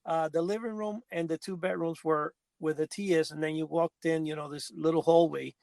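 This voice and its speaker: A man's voice: fairly high pitch, steady tone, normal speed, vocal fry, darkish tone, dry recording. A man from Cuba, co-hosting a podcast, telling a long story in a rambling way and often correcting himself. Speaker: podcast co-host. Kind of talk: casual storytelling chat.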